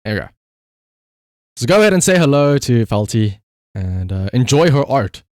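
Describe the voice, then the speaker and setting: Very animated and a little mellow, a male streamer at medium pitch and moderate pace chats loosely with his viewers. He swears freely, sounding playfully exasperated as he rambles. Studio-quality sound, no echo.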